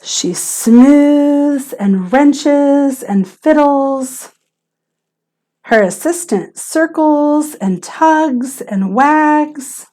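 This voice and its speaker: Reading a children's picture book very slowly, this high-voiced teacher performs it with theatrical expression. She leans on the key words for emphasis.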